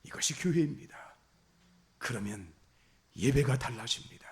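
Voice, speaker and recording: A man's voice: medium pitch, lively intonation, moderate pace, creaky. A man preaching a Sunday sermon as pastor, urging his congregation with impassioned, repetitive exhortation and rising emphasis. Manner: addresses the congregation directly as "everyone".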